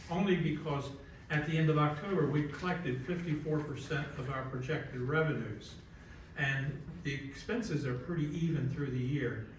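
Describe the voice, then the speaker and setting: A man's voice: a little high, a little hiss or hum. A man giving the treasurer's report at a city council meeting in an easygoing manner. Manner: easygoing, with light laughs. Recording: echoey council chamber, distant mic.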